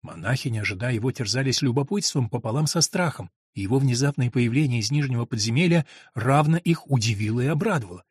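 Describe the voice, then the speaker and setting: A man reading a gothic novel aloud as an audiobook narrator, in a measured, even manner. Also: medium pitch, husky, no echo.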